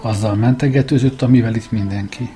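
A man giving a measured, scripted first-person narration of a story as an audiobook reader. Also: medium pitch, fairly even intonation, warm tone, faint music behind.

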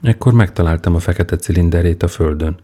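A man narrating a first-person story as an audiobook reader, in a measured, unhurried manner. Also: deep voice, dark tone.

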